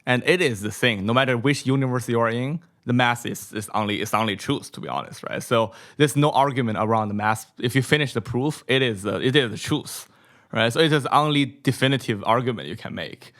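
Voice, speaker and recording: Brisk and a bit bright, this mid-range male voice belongs to a man in his thirties from China with a Mandarin accent, guesting on a podcast as a venture capital figure. He chats informally, repeats a lot, and caps many sentences with "right?" Recorded in a small studio room against a brick wall, he's near a studio mic on a boom and has headphones on.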